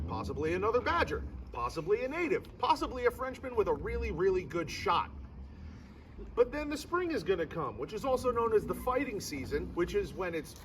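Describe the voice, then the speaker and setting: A man's voice: fairly high pitch, fairly bright tone. A man working as a ghost tour guide, telling stories to a group outdoors with irreverent humour and theatrical emphasis. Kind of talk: animated storytelling to a tour group. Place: outdoors in a fort courtyard. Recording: distant mic, noisy outdoor ambience.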